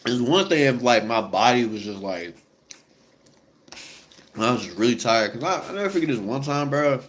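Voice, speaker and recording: Speaking at a normal pace with lively intonation, this young vlogger rambles through a casual chat with his audience, full of slang and filler words. His voice is mid-pitched but clearly congested and stuffy.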